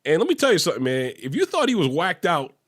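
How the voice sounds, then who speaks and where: A man's voice: a little high, huge pitch swings, fast talker. A man co-hosting a casual chat show, telling loose, profane stories and laughing along the way. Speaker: podcast co-host.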